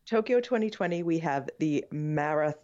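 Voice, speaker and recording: A woman's voice: sits low, expressive, normal speed, a little mellow, lo-fi sound. A woman co-hosting a podcast, chatting casually with a wry, joking manner. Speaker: podcast co-host.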